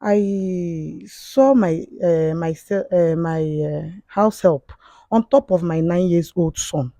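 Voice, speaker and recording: A woman telling a personal story as a confessing guest, halting often with fillers and restarts. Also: fairly low pitch, warm tone, no room sound, clean studio sound. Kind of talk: emotional spoken testimony.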